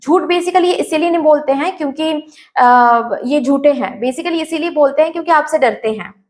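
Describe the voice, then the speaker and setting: Woman, high-pitched, tarot reader, direct address to viewer, English words mixed in, repetitive phrasing. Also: normal speed, a little mellow.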